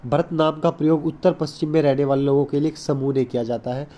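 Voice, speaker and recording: A teacher with a somewhat high-pitched, warm voice delivers a recorded school lesson in Hindi mixed with English terms, explaining patiently step by step and pausing often to stress key points. His delivery is flat and quick, and the recording has its highs cut off.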